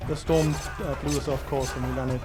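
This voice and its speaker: A man giving casual live gameplay commentary in a hesitant, halting way as he explains the game. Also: mid-range voice, flat delivery. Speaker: speedrunner. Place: live event with small audience. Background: game music and sound.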